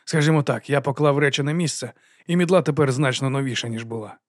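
Quietly confident young monk, even and measured, in the male reader's own voice. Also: mid-range voice, no room sound, clean studio sound, natural voice. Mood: calm.

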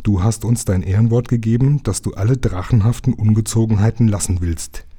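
A patient, earnest grown man speaks slowly and steadily, as a man reads him aloud. The voice sits low and dark, with a husky texture. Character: calm, kindly grown man, engine driver. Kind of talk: storybook reading aloud.

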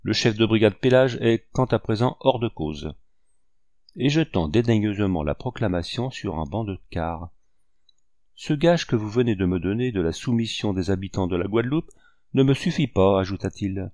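A man reading an old adventure novel aloud, narrating and speaking the dialogue in a measured, dramatic way. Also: on the low side, expressive, darkish tone, dry recording, clean studio sound. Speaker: audiobook reader. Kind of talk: scripted narration.

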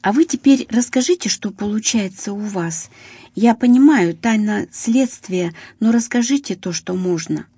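A woman's voice: mid-range voice, moderate pace, mellow, breathy edge, no room sound, lightly acted. A woman reading as a blunt ex-journalist. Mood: coaxing. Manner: blunt, opinionated. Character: outspoken former woman journalist, sharp and curious. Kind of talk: audiobook reading.

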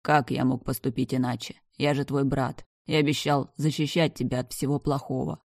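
A woman reading the lines of a gentle, protective older brother in an audiobook, soft and reassuring. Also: extremely low pitch, level tone, normal speed, no echo, studio quality. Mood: tender. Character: gentle protective dead older brother, tender young man.

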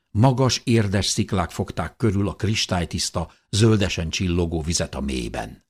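Deep, husky-voiced male audiobook narrator. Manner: measured, expressive storytelling. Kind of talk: first-person audiobook narration.

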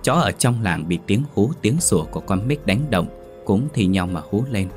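A man's voice: fairly low pitch, expressive, moderate pace. A man narrating a horror story dramatically. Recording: faint music behind.

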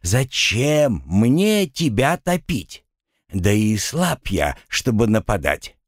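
A man's voice: on the low side, sing-song, takes it slowly, no room sound, studio quality, pitched above the performer's own voice, heavily acted. A man doing a grumbling drowned spirit. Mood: aggrieved. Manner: complaining, exasperated. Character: drowned man's spirit, grumbling, self-pitying, wry. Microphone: close studio mic.

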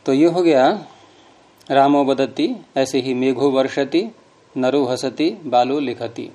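A man's voice: mid-range voice, steady tone, slow, mellow. A middle-aged man teaching a grammar class, explaining patiently and quizzing his students. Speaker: Sanskrit teacher.

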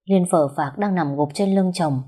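A woman narrating a story in a steady, measured reading. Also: lowish voice, breathy edge.

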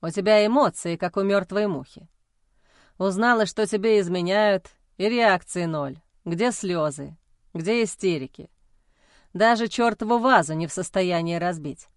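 A woman's voice: medium pitch, measured pace, no room sound, lightly acted. Scornful blaming husband, woman narrator voicing him, dry close read. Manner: sneering, accusatory. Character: irritated adult male husband, scornful and blaming.

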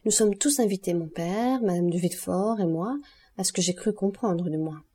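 A feverish, frightened young woman speaks in a rush and tries to sound carefree, as a woman reading an audiobook puts her on. The tone stays dark and mellow with a husky grain. It comes across as a storybook figure. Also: on the low side. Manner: breathless, quick, forced lightness.

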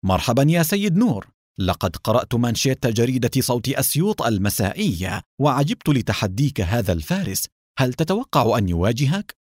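A wealthy young engineer speaks with polite courtesy, as a male storyteller reads him. The delivery is lively and the recording dry and close. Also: mid-range voice, fairly quick, no echo.

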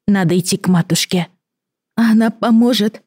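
A woman voicing a calm, practical girl who speaks in a soothing, matter-of-fact way. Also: fairly low pitch, brisk, husky, no echo, clean studio sound, voice pushed up.

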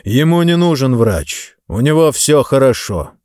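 A man's voice: mid-range voice, very animated, a little slow, a little mellow, no echo, studio quality. A man voicing a stern, dismissive wealthy father who speaks curtly and gives orders, in an audiobook. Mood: impatient. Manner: curt, scornful, commanding.

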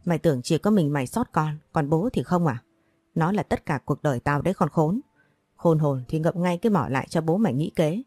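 A woman's voice: sits low, expressive, brisk, dark tone, breathy edge, dry recording. A woman voicing a furious, violent young father who snarls coarse threats, in an audio story. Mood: snarling.

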